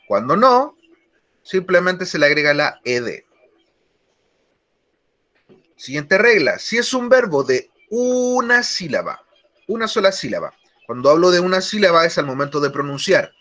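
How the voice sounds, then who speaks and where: Bright-voiced male teacher, slow and deliberate. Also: high-pitched, very animated. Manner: slow, deliberate explanation, repeats key words. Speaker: English teacher. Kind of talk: online grammar lesson.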